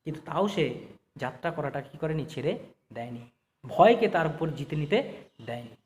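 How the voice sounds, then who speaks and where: A fairly high-voiced man gives a classroom lesson on a poem. He keeps asking his listeners questions and answering them himself. His voice carries a long echo from the room. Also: expressive, normal speed. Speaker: teacher. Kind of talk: classroom poetry explanation.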